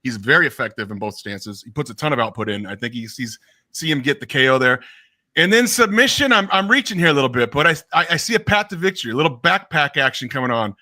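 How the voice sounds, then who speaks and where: A man's voice: medium pitch, animated, fast talker, pushed and bright. A man calling in to a betting show, telling stories animatedly and swearing freely. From Missouri. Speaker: caller. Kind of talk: casual chat.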